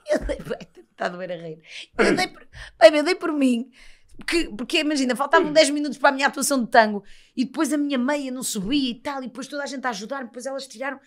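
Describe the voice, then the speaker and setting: A woman's voice: sits high, quick pace. A woman in her thirties with a European Portuguese accent, chatting casually as a podcast guest and telling stories while acting out the dialogue. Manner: animated storyteller, acts out dialogue. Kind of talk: casual chat.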